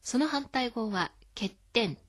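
A woman hosting a scripted radio lesson, explaining words calmly. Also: a little high, slow. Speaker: Chinese language teacher.

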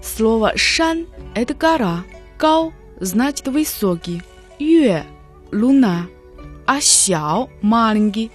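A woman co-hosting a scripted radio language lesson, slowly explaining words one at a time. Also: on the high side, expressive, soft background music. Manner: slow, careful explanations of words.

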